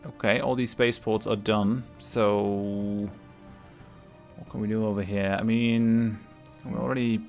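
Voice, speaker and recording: Faint music plays behind a man whose fairly low voice is creaky and a little mellow, delivered flatly at a measured pace. Nursing a cold, he hosts a let's play of a strategy game, thinking aloud with many ums and restarts. He laughs readily between remarks in this casual commentary.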